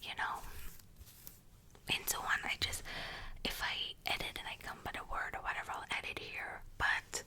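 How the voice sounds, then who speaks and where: A woman's voice: normal speed, long pauses. A woman whispering close to the microphone, chatting in a rambling way and correcting herself as she goes. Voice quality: soft unvoiced whisper. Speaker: ASMR creator. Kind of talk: whispered ASMR movie recommendations. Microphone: close ASMR microphone.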